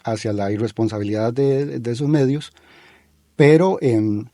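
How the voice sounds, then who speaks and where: A man's voice: medium pitch, moderate pace, mellow, no echo. A Costa Rican man hosting a talk show, speaking in a plain mid-range voice. He argues point by point in an opinionated, analytical way and often stops on fillers. The sound is close and dry, with no room around it. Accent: Costa Rican Spanish. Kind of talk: critical discussion.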